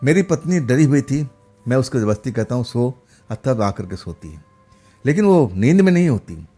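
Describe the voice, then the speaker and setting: A man's voice: medium pitch, big pitch swings, normal speed, warm tone, soft background music. A man narrating a first-person horror story in a loose, rambling way, with fillers and restarts.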